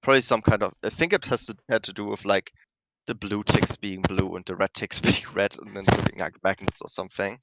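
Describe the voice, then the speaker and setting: A man's voice: on the low side, fairly even intonation, brisk, a bit bright, a little hiss or hum, rough recording. A man teaching rhythm game map design in a casual, rambling way, often correcting himself mid-sentence. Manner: rambling, self-correcting, many fillers. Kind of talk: casual explanatory lesson.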